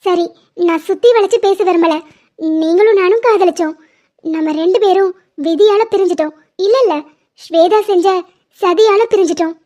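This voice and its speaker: A woman's voice: extremely high pitch, normal speed, long pauses, mellow. A woman voicing an emotional, impulsive young woman in a dubbed cartoon drama, talking with urgent, tearful pleading. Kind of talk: Tamil cartoon dubbing.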